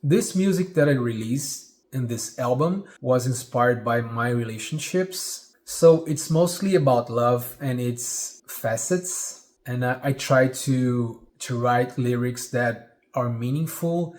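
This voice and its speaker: His voice is medium-pitched with a darkish tone. He's a Brazilian musician in his forties with a Portuguese accent, talking earnestly and reflectively to camera in a vlog from his living room at home, shot head-and-shoulders, with pauses full of fillers.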